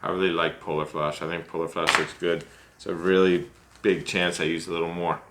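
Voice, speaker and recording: Speaking quickly in a very low voice with a bright, forward edge and little pitch movement, a middle-aged American demonstrates fly tying in a small room. He chats easily, pokes fun at himself and thinks aloud about each choice in this relaxed step-by-step tutorial, caught by a desk-distance camera with slight hiss or hum.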